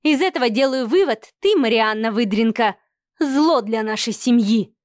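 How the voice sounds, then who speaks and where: Woman voicing a cynical haughty mother, sarcastic, slow and cutting, audiobook, higher voice, dry sound. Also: dry recording, lightly acted. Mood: scornful. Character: haughty cynical middle-aged mother, cold and scornful. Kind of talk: audiobook character reading.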